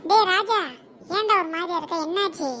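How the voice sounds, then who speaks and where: A woman's voice: extremely high pitch, fairly quick, sharp tone, slight background noise. A woman voicing a cheeky, boastful schoolboy in a cartoon, with a Kanyakumari Tamil accent. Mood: curious. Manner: mocking, boastful. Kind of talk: cartoon voice acting.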